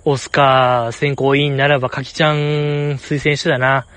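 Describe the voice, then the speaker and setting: A man's voice: mid-range voice, flat delivery, normal speed, a bit bright, no echo. A young man with an Osaka accent, chatting casually and rambling on his own, playfully earnest. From Osaka, Japan. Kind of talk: casual solo chat.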